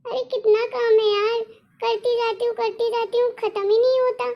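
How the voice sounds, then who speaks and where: A pampered young daughter-in-law, played by a woman in a cartoon story, whiny and exasperated. Her voice is very high. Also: fairly even intonation, normal speed, dull audio. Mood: exhausted. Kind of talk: cartoon voice acting.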